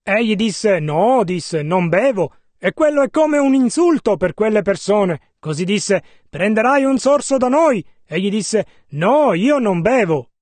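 High-voiced sermon interpreter, dry and close. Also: male voice, no echo. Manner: steady, measured rendering line by line.

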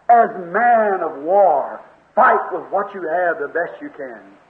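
A man preaching a sermon, telling a story with slow, dramatic emphasis. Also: high voice, lively intonation. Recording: tinny, echoey old recording.

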